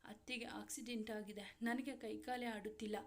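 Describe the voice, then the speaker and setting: A frightened young woman gets her words out in broken, tearful pieces, as a woman storyteller reads her part. The voice is slightly high and stays close to plain reading. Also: steady tone, normal speed, close to an everyday voice.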